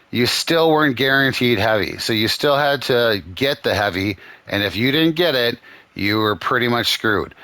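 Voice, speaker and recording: A man's voice: medium pitch, sharp tone, clean tone, dry recording. A man hosting a gaming channel, ranting in sarcastic, profane commentary.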